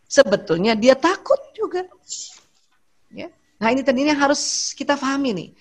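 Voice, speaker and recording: A middle-aged woman with an Indonesian accent and a fairly high voice gives a talk on marriage to a women's study group. She speaks in an animated way and acts out short exchanges between spouses. Her delivery stays lively throughout. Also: moderate pace.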